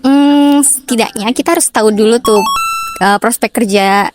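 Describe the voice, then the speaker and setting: A woman's voice: a little high, moderate pace, over music. A young woman from Indonesia co-hosting a casual educational chat, sprinkling in Japanese words. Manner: peppers talk with Japanese words. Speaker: co-host representing Japanese literature studies.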